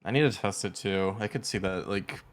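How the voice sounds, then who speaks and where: Low-voiced relaxed male gamer. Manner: relaxed, quick bursts, lots of "like". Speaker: guest streamer. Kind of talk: casual roundtable chat.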